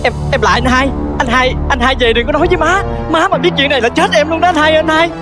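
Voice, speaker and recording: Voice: very fast, close to an everyday voice. A performer doing a panicked pleading younger brother. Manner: high, panicked pleading cries. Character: frightened young man caught and begging his brother. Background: music.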